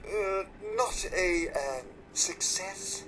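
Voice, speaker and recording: A too-smooth robot servant. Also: male voice, high-pitched, very slow, bright, forceful tone, slight background noise, full character voice. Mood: theatrical. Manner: overly smooth, theatrical, self-satisfied. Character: smooth-talking, pompous male robot servant turned doctor. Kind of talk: video game character dialogue.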